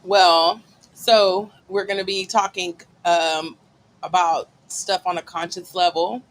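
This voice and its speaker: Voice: medium pitch, little pitch movement, slow pace, slight background noise. A radio co-host in casual talk, playful and joking while asking questions. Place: radio studio.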